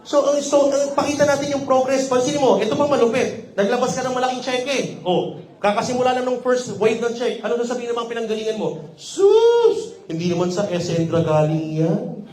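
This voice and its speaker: In an echoey company office training room, a man with a Filipino accent runs a sales training seminar in a very high, slightly mellow voice with fairly even intonation. He speaks fast, teasing the audience and often checking that they're following along.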